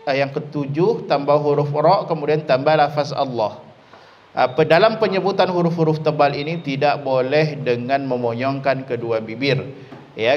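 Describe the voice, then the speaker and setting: A man teaching Quran recitation, explaining letter sounds slowly and leading drills for students to repeat. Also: medium pitch, highs cut off, a little hiss or hum. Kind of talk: tajwid lesson.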